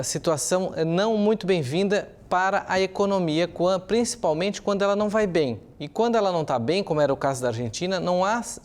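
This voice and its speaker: This journalist, a man with a Brazilian accent and a slightly high voice, gives explanatory, opinionated news commentary. He speaks in a semi-improvised way and asks rhetorical questions.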